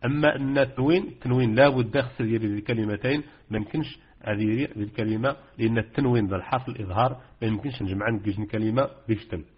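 Husky Moroccan man teaching recitation rules. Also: fairly low pitch, racing, dull audio. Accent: Moroccan Arabic. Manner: hesitant, many fillers and repetitions. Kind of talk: informal rules lesson with students.

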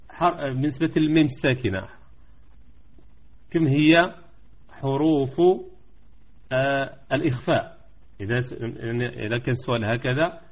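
A man teaching Quran recitation rules in a live online lesson, repeating points slowly and chanting verses. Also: medium pitch, dull audio.

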